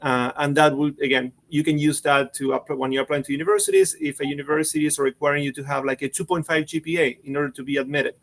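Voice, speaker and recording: A man's voice: on the high side, level tone, fast, few pauses, a bit bright. A man on staff at a university, explaining things casually in an online info session, with a lot of "you know" and "like".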